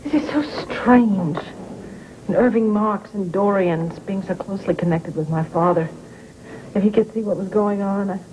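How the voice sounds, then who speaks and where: An actress playing a worried, earnest newspaper owner in a soap opera, heard from a worn VHS tape copy. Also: female voice, medium pitch, normal speed. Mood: anxious. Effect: worn VHS tape copy, hissy. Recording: worn tape with clear hiss.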